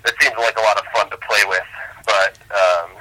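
A man's voice comes through a speakerphone call, thin and very bright. He chats loosely as a podcast co-host, laughing easily and stumbling through fillers and restarts. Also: on the low side, steady tone, normal speed, rough recording. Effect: heard over a speakerphone call. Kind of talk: casual chat.

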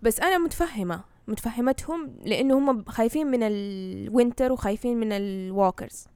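A woman's voice: fairly high pitch, a little fast, a little mellow, smooth, dry recording. A woman with a Hejazi Saudi accent, explaining things casually in Arabic sprinkled with English words and often checking that the listener follows. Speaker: knowledgeable guest explaining fantasy lore.

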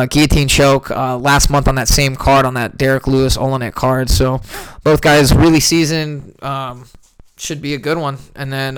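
A man talking through an upcoming fight card in a loose, rambling way, stumbling over his words and correcting himself constantly. His voice sounds smooth and resonant. The recording is dry and close, with no room sound around him. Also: mid-range voice, fairly bright tone, dry recording, rough recording. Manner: rambling, many fillers and self-corrections. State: hiccups. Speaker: MMA podcast host. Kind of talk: casual fight breakdown.

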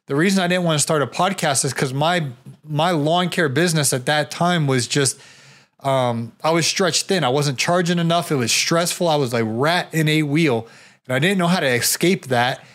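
Higher-pitched man chatting on a podcast. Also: normal speed, a bit bright. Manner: anecdotal, informal. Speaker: podcast host. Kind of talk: casual podcast chat.

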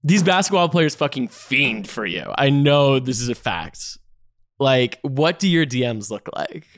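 A young man co-hosting a casual podcast, loud and teasing, swearing freely. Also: mid-range voice, animated, unhurried. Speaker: podcast co-host.

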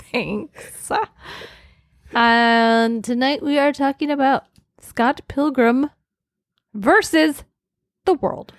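Podcast co-host, woman, higher voice with a gravelly fry, laughing and teasing. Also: extremely slow, long pauses, dry recording, studio quality. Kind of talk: casual chat.

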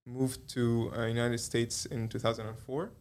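A young man from Egypt speaks as a pediatrician guest in a conversational interview. His voice stays level and flat in pitch. He hesitates often, restarting sentences with fillers. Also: moderate pace.

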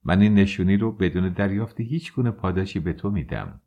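A man voicing a bold, sharp-tongued young courtesan in an audiobook, speaking in a taunting way. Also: low voice, expressive, dull audio. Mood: furious.

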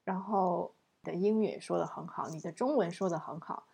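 Slightly husky woman interviewer, encouraging. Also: on the low side, a little fast, warm tone. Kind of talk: casual conversational interview.

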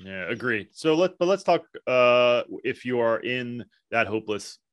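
A man's voice: medium pitch, expressive, measured pace, fairly bright tone, no echo. A man co-hosting a podcast, thoughtful and asking questions in casual chat.

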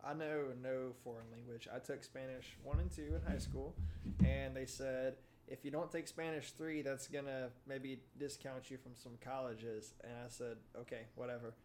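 A man's voice: mid-range voice, steady tone, normal speed, background noise. A young man telling rambling, self-deprecating stories on a casual podcast. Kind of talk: casual storytelling.

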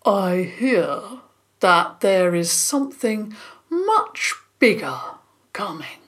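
A woman voicing a slow, menacing male Monster King with drawn-out, taunting speech and breathy whispered endings. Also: medium pitch, big pitch swings, a bit bright, heavily acted.

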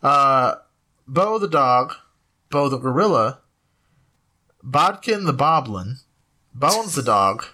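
A man's voice: mid-range voice, sing-song, slow pace, pauses often, pushed and bright. A man co-hosting a casual podcast, rattling off a long list of names between laughs. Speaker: podcast co-host.

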